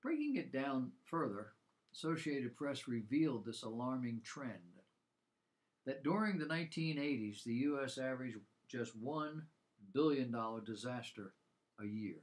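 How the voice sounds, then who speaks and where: A man's voice: mid-range voice, lively intonation, normal speed. A man presenting a scripted Bible program, mixing commentary with rhetorical questions and an emphatic delivery.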